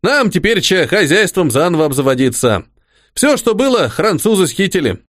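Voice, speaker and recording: A man's voice: sits high, very animated, normal speed, fairly bright tone, dry recording, clean studio sound, voice pushed up, exaggerated voice. A man doing an eager rustic soldier-servant. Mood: devoted. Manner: rustic folksy speech, fussing and eager. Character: devoted old-fashioned soldier-servant, humble and eager. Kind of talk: audiobook character voice.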